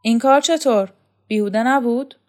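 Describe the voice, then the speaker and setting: A woman's voice: fairly high pitch, darkish tone, voice pushed up, natural voice. A woman voicing a blunt, domineering woman who barks and scolds in an audiobook. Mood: scolding. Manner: barking, scolding. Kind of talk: audiobook character voice.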